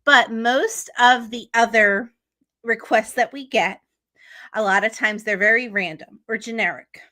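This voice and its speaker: A woman's voice: on the high side, fairly even intonation, unhurried, pushed and bright. A woman teaching travel agents how to qualify clients, chatty and upbeat, often checking in with "okay?". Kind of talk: teaching talk to an audience.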